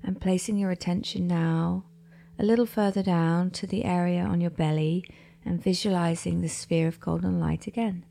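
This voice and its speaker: A woman leading a guided meditation in a slow, soft-spoken voice that often drops into a half-whisper. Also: fairly low pitch, fairly even intonation, creaky.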